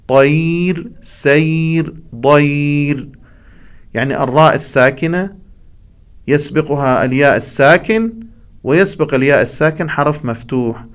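A man teaching the rules of scripture recitation, explaining each point and breaking off to chant short examples. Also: fairly high pitch.

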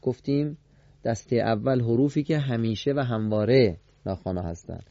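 On radio, a man leads a Quran recitation lesson for a studio class, quizzing students and repeating their answers with emphatic swings in pitch. His tone is dark and the audio dull.

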